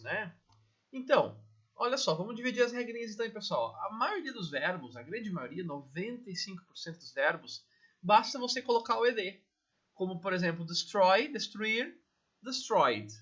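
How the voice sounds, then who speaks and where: A man's voice: sits high, sharp tone, muffled recording. A Brazilian man teaching English grammar step by step, checking in with his class after nearly every phrase. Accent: Brazilian Portuguese. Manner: explains step by step, checks in with "tá?" and "né?" constantly. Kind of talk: recorded grammar lesson.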